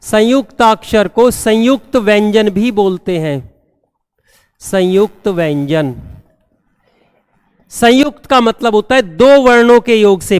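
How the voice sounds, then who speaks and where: A man teaching a classroom grammar lesson, repeating each term slowly and checking that students have understood. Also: sits high, smooth, clean studio sound. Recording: long hall reverb.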